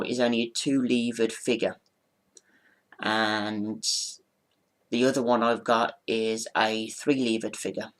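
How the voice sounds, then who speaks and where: A man's voice: medium pitch, a bit bright. A man giving an informal hands-on explanation in a rambling, matter-of-fact way, often repeating himself. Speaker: ventriloquist presenting his figure.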